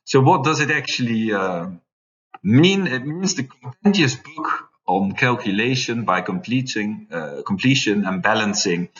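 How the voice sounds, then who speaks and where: A university lecturer in his forties, an English speaker, works through a math problem step by step at a whiteboard, using lots of fillers. His voice sits on the low side with a fairly bright tone. A distant camera mic picks him up indoors, so the classroom sound is dull and roomy.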